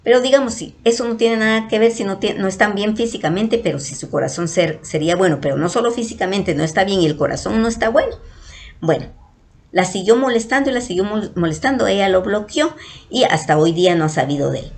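A Guatemalan woman vlogger telling a story to her followers, affectionate and animated, acting out the people she quotes. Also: fast talker. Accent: Guatemalan Spanish. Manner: affectionate, calls listeners "mis amores"; animated, acts out quotes with big pitch jumps.

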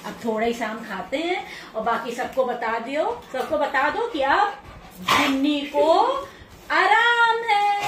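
A woman talking to her pet dogs in casual baby talk while she films, coaxing and scolding them gently and laughing often. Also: high-pitched, animated, slow, far from the mic. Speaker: pet owner vlogger. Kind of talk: casual vlog, talking to pets. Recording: echoey room, voice off-mic, faint noise.

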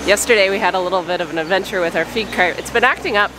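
A woman's voice: medium pitch, rapid-fire. A woman in her thirties, a sheep farmer vlogging in casual chat, thinking aloud with restarts, filmed at arm's length in a large covered barn. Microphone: camera at arm's length. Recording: barn noise behind.

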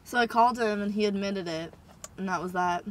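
A woman's voice: medium pitch, fairly quick, slight background noise, natural voice. A young woman acting as a heartbroken, pushy teenage girl in an amateur school drama. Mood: hurt. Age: teens. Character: heartbroken reckless teen girl, Chandler. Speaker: student.

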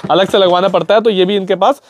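A man's voice: high voice, fairly even intonation, fast. A young man with a lapel mic, chattily touring an indoor parts shop and warehouse, repeating prices back and calling his viewers brother. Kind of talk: casual shop tour vlog.

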